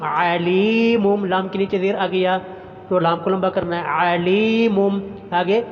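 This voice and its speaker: A male Quran teacher recites each word slowly and drawn out, then explains its pronunciation briskly. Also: high-pitched, level tone, in a large hall, dull audio. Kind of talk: recitation lesson.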